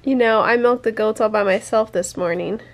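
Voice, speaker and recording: A woman's voice: fairly high pitch, moderate pace. A middle-aged woman, a mother and vlogger, chatting casually and playfully while filming around her farm home. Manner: chatty, playful, laughs often. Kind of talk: casual family vlog chat.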